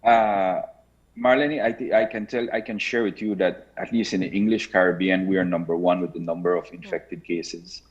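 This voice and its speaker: A man's voice: low-pitched, fairly even intonation, breathy edge. Man over a buzzy, glitchy call. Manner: measured, earnest, full of ums and restarts. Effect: buzzy, glitchy remote call audio that cuts out. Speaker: government health minister. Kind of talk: live interview over a remote call. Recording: muffled, lo-fi remote call line.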